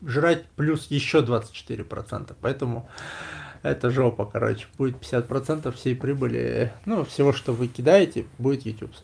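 A man in his thirties with a medium-pitched, gravelly, husky and darkish voice chats briskly as a vlog host. His casual talk is informal, slangy and joking, coming from a small indoor room packed with gear.

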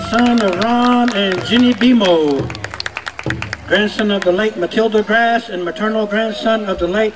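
A man working as a powwow emcee outdoors, announcing and introducing people in an informal, folksy way, calling out to them over a public-address microphone. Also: high-pitched. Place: outdoors at a powwow arena, announcer's speaker stand. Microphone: public-address microphone at announcer's stand.

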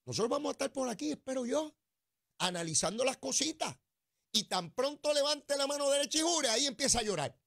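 Puerto rican guy ranting about politics, mocking and sarcastic, voice jumps high and all over. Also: animated, fairly quick, creaky, a bit bright. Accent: Puerto Rican Spanish. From Puerto Rico. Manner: sarcastic, mocking, mimics crying whiny voices. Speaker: political commentary host. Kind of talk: political commentary monologue.

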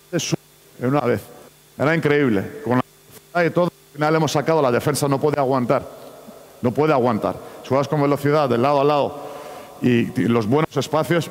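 Man coaching in an echoey arena. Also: mid-range voice. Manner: broken, halting delivery with many restarts. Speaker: basketball coach giving a clinic. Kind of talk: on-court coaching clinic. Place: large indoor sports arena. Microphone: far camera. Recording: echoey sports hall, from far off.

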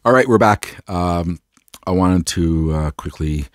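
Low voiced guy w a stuffed up cold, chatty rambly hi-fi vlogger, dry sound. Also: unhurried, dry recording. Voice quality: stuffed-up, congested. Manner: rambling, enthusiastic, self-deprecating. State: has a cold. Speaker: host of a hi-fi audio gear tour video. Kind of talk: casual chat to camera.

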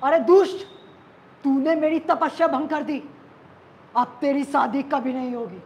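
A furious ascetic hurls a curse, as a woman student acts him out in a classroom acting exercise. The voice sits a touch high and is heard from a distance across the room. A faint hiss runs underneath. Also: measured pace, darkish tone. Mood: cursing. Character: furious ascetic whose penance was broken.

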